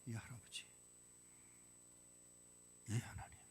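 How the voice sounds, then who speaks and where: A male missionary preaching a sermon in a church, blunt and provocative with the congregation, swinging from hushed whispers to loud outbursts. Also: takes it slowly, slight background noise. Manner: dramatic, drops to whispers then bursts out loudly. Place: church sanctuary.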